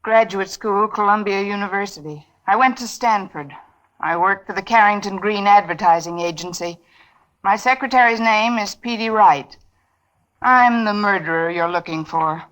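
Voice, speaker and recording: Over music in an old radio broadcast, an actress in 1940s radio drama style plays a poised, sardonic, best-dressed career woman in her thirties confessing to murder. Cool, composed, dry and polished, she speaks in a natural, slightly bright voice at medium pitch and normal speed, though the audio is poor.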